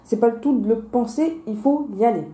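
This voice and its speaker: Her voice a little high and warm, a woman hosts a weekly card-reading video, going a little fast as she explains casually. A slushy lisp shows on her s sounds, and the room echoes noticeably.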